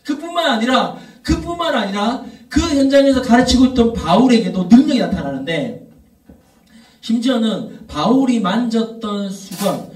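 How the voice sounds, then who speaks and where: A man's voice: high voice, a little mellow, recorded from a distance. A man in his thirties preaching to a youth service. He tells stories and builds up to emphatic, repeated questions. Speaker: youth pastor. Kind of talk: sermon. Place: church worship hall. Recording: echoey room, voice from off mic.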